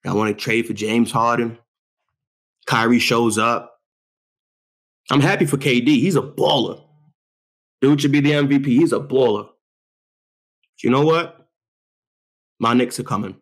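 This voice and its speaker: A young man from New York hosting a talk show, ranting about his basketball team in an animated, boastful way with lots of street slang. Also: mid-range voice, normal speed, pauses often. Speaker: show host. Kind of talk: hyped sports talk monologue.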